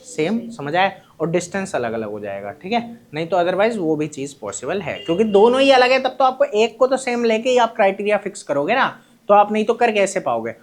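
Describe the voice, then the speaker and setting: A man's voice: high-pitched, sing-song, fairly quick. A male teacher giving a classroom lecture, who keeps asking his students short questions, answers them himself, and calls them his children. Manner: addresses students fondly as children.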